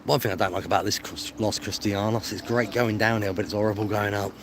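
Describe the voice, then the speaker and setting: Here a man from England talks to his live stream in a lowish voice with fairly even intonation and a quick pace. He's a travel vlogger walking outside on the streets, rambling casually and matily with self-deprecating humour. Clear outdoor street noise and traffic fill the background.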